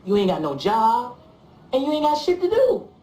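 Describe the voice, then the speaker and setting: A man putting on a loud, brash voice with a botched English accent, swooping and sing-song. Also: very high voice, wildly swooping pitch, moderate pace, echoey room, voice pushed up, full character voice. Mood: rowdy.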